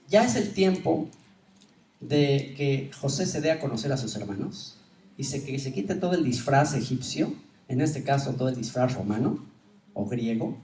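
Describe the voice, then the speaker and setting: A man gives an animated conference teaching, asking his audience questions and laughing often. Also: medium pitch, a little hiss or hum. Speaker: teacher giving a conference talk. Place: conference hall. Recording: roomy hall sound from a distance, faint ambience.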